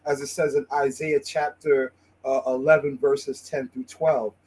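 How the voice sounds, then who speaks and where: A man's voice: mid-range voice, flat delivery, unhurried, darkish tone, slightly rough, low-quality recording. A man in a religious fellowship chat who uses Rasta speech, affirming and repeating phrases as he goes. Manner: Rasta speech, with "yes, man", "you see me" and "bless and love"; affirming call-and-response interjections, repeating phrases.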